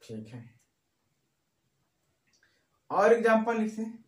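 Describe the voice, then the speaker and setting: High-voiced man teaching grammar, echoey. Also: big pitch swings. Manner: repeats key phrases slowly, asks and answers own questions. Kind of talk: classroom-style grammar lesson in Hindi. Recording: echoey room.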